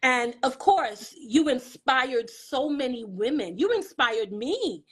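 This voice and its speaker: A woman's voice: high-pitched, animated, slow pace, a bit bright, breathy edge. A woman from the Bahamas hosting a live interview over a video call, speaking in an affirming, encouraging way. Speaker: host.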